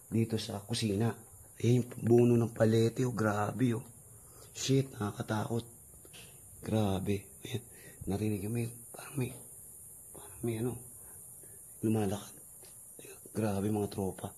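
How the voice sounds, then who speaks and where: A hoarse young man exploring an abandoned building at night, talking to his viewers in a tense, hushed voice and swearing under his breath. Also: fairly low pitch. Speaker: vlogger. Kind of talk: hushed exploration vlog narration. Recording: vlog over loud background music. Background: loud music.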